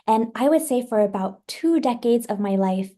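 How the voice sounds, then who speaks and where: A woman's voice: a little high, lively intonation, moderate pace, dark tone. A middle-aged woman from the Washington D.C. area, a literacy specialist answering interview questions in a gracious, articulate way. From United States, Washington D.C. area.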